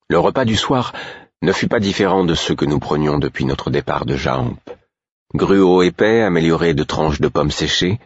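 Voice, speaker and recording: A man reading a novel aloud as audiobook narrator, in a measured, even voice. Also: low-pitched, husky, no room sound, muffled recording. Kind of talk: scripted narration.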